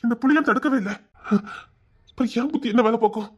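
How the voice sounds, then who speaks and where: A man playing a high-voiced, hot-tempered young villager. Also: fast talker, fairly bright tone, highs cut off. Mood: ashamed, frantic. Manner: agitated, self-reproaching outbursts. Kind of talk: village drama acting.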